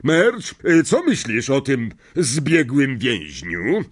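A man's voice: medium pitch, wildly swooping pitch, extremely slow, breathy edge, voice pushed up, exaggerated voice. A man voicing a pompous, fawning middle-aged uncle who is fussy and eager to please. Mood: ingratiating.

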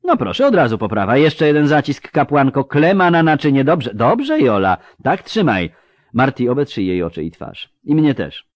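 A man voicing a gruff male field surgeon who barks urgent, raised orders mid-operation. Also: medium pitch, big pitch swings, moderate pace, no room sound, voice pushed up, lightly acted. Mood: brisk.

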